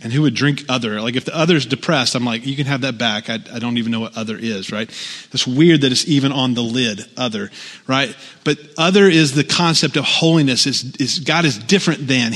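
A man's voice: a little high, fairly bright tone, long reverb tail. A man preaching a sermon, conversational with frequent "right?" asides. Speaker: pastor.

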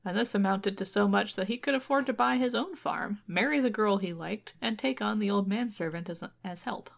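A woman co-hosts a podcast, reading a folktale aloud in a casual way, tossing in chatty asides and laughing often. Her voice sits in the mid range, a little fast and creaky.

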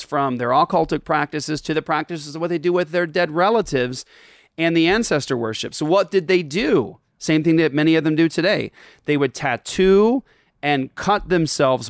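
A man's slightly high voice is captured at studio quality with no room sound. Having grown up in Japan, he hosts a podcast answering listener questions, casually explaining a Bible passage while frequently pausing with ums and restarting.

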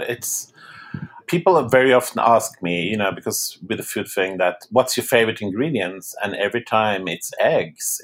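Chatty man from Norway, laughing easily. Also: on the low side. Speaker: podcast guest. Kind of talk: casual interview chat.

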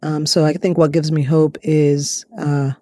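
A woman's voice: deep voice, level tone, measured pace, warm tone, no room sound. Malawian woman, thoughtful, dry close sound. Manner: thoughtful, with frequent ums and restarts. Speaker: clean energy innovator, guest speaker. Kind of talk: interview answers to prompts.

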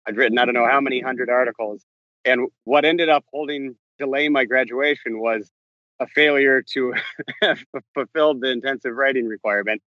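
A novelist guest, speaking in a mid-range voice with fairly even intonation, answers interview questions while pacing outdoors on a campus. He frequently breaks off, restarts and corrects himself. The sound is lo-fi, without echo.

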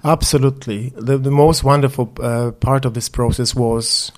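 A man's voice: medium pitch, fairly even intonation, normal speed. A man from Poland speaking English, answering interview questions in a thoughtful, wry, self-deprecating way. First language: Polish. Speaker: photographer guest.

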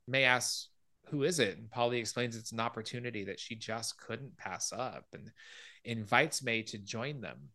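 A man's voice: mid-range voice, bright, forceful tone. A man hosting a podcast, casually retelling a film scene by scene and acting out quoted lines. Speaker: podcast host.

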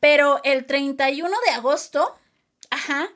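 A woman, co-hosting a casual chat that reviews a TV drama, chatty and expressive. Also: high voice. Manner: chatty, expressive, quick asides to listeners. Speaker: podcast co-host.

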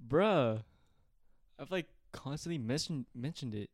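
A young man talks in a relaxed, slangy way, dropping casual swears as he chats with a friend. His voice sits at a middle pitch. The sound is dry and close to the mic. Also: unhurried, no echo. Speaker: podcast co-host. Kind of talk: casual chat.

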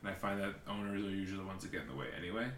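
A man chatting casually, with a flat, offhand delivery. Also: sits low, very fast, roomy sound, a little hiss or hum. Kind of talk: casual chat.

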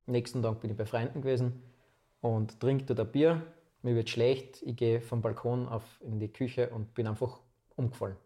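Man, 20s, Austrian accent, warm mellow tone, chatty storytelling, interview guest. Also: mid-range voice, moderate pace. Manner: chatty, relaxed anecdotal storytelling.

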